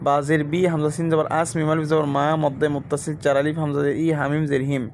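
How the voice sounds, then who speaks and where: Man, Quran reading teacher, slightly high voice, methodical letter-by-letter drill. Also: flat delivery, fast talker, a little hiss or hum. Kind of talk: spelling out Arabic letters and vowel marks for learners.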